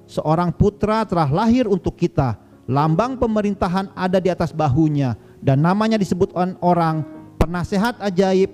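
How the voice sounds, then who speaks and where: A man's voice: high-pitched, darkish tone. A man preaching a sermon emphatically, repeating his phrases and addressing the listeners directly. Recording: online church service with faint music behind.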